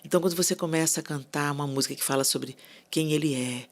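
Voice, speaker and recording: A woman speaking as a podcast guest, talking about faith in an animated, conversational way and often checking in with her listeners. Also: low voice, fast talker. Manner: animated, repetitive, asks listeners "né?" and "entendeu?". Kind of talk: casual faith talk on a podcast.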